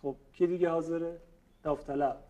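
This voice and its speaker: A middle-aged man teaching a classroom tajwid lesson, explaining and slowly demonstrating letter sounds for his students. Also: a little high, steady tone, dark tone. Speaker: Quran recitation teacher.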